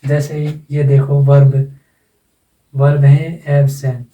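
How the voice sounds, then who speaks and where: A man teaching English phonetics in a slow classroom lecture, repeating words and checking that students follow. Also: medium pitch, little pitch movement, phone-quality sound. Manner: explains slowly with repetition and asides. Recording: echoey room, from far off.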